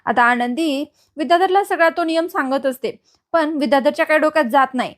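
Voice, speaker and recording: A woman's voice: high-pitched, brisk. A woman narrating a recap of a TV serial in a casual storytelling way. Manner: steady retelling, small restarts.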